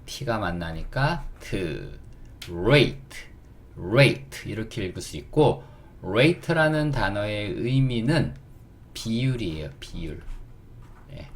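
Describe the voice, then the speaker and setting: Slow, lively Korean man teaching English. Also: lowish voice, slight background noise. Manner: patient, asks questions and answers them himself; spells words slowly letter by letter. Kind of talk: beginner English lesson.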